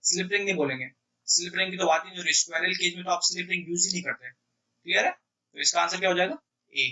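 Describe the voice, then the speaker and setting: A man teaching electrical engineering exam questions in Hindi mixed with English, who keeps checking "clear?" and reads the English questions out slowly. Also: high-pitched, sharp tone, distant mic, low-quality recording. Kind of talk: exam prep lecture.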